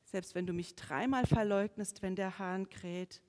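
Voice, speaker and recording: A woman's voice: mid-range voice, unhurried. Woman preacher, dramatic sermon delivery, long church reverb. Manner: dramatic swings between soaring emphasis and hushed whispers.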